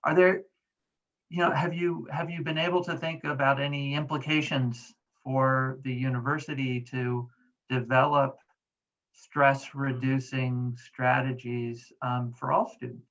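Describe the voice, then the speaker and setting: Gravelly questioner on a dull line. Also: medium pitch, flat delivery, measured pace, fairly bright tone. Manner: hesitant, with many fillers. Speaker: audience member asking questions. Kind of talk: question at a talk. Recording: dull lo-fi audio.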